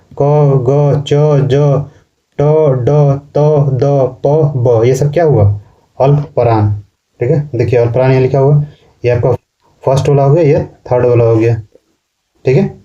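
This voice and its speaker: A man teaching a class in slow, repetitive explanations, often ending sentences with a questioning tag. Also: fairly high pitch, mellow, muffled recording. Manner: explains slowly, repeats words and ends sentences with a questioning "ना". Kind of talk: classroom lecture.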